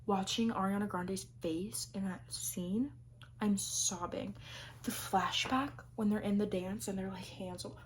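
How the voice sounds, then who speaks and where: A young woman talks casually to her viewers, gushing and rambling with lots of "like" and restarts. Her pitch sits in an ordinary middle range. A faint hiss of background noise runs under her voice. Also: fairly even intonation, measured pace. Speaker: vlogger. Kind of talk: casual year-favorites chat.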